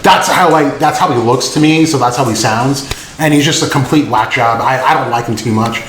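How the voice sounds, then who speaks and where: A man's voice: mid-range voice, fairly quick, a bit bright. A man hosting a casual anime commentary video, laid-back and rambling with lots of filler words and swearing. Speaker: host. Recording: echoey room with faint noise.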